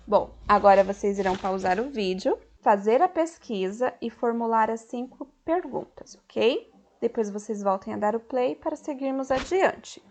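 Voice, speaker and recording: A woman teacher with a Brazilian Portuguese accent, giving a recorded school lesson slowly and clearly, stretching the stressed syllables of her example words. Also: on the high side, darkish tone, a little hiss or hum. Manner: slow, clear, patient explaining to children.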